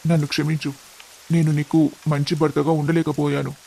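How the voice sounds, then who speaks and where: A man's voice: on the high side, level tone, normal speed, creaky, mellow. A man playing an earnest young husband. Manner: earnest, emotional. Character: loving young husband, remorseful and devoted.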